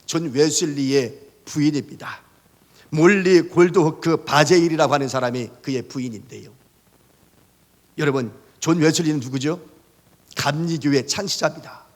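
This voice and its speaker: A male pastor giving a sermon, telling stories in an animated way and putting rhetorical questions to the congregation. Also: fairly high pitch, normal speed, big-room sound. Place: church sanctuary.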